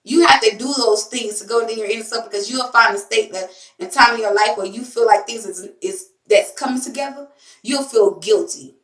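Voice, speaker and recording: A woman's voice: a little high, fairly quick, fairly bright tone, reverberant, recorded from a distance, rough recording. A woman hosting a spiritual tarot channel, talking casually and emphatically to her viewers, repeating phrases and using everyday slang.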